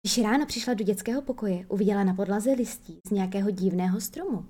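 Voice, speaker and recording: Mellow-voiced woman reading a storybook. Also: mid-range voice.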